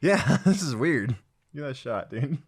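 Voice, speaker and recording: A man's voice: medium pitch, sing-song, moderate pace, breathy edge, no echo. A young man co-hosting a casual podcast chat, joking, swearing and laughing often. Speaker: podcast co-host.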